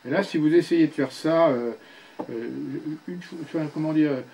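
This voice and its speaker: The older man's voice is a little high and mellow at a normal speed, captured in a rough recording with slight background noise. In a one-on-one speech therapy session he patiently issues short commands, checks that his pupil follows, and often asks "you see?".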